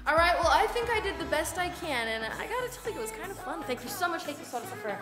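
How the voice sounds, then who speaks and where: A woman in her twenties from Finland presenting a challenge vlog to camera in a casual, excitable, nervously chatty way. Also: very high-pitched, fast talker. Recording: music behind the voice. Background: music.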